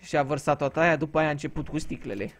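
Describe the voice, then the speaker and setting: A man from Romania giving casual gameplay commentary, telling crude, joking stories and swearing freely. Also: a little high. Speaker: gaming YouTuber.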